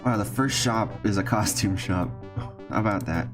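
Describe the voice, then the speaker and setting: A man's voice: lowish voice, normal speed. A man streaming a game, chatting casually and thinking aloud, often laughing at himself. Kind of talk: casual gameplay commentary. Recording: game music playing behind.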